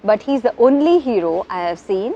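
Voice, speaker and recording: A woman's voice: mid-range voice, expressive, fast talker, warm tone. Chatty woman with a dull lo-fi sound. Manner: chatty, laughing, acts out quotes. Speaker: actress, interview guest. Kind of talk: casual interview chat.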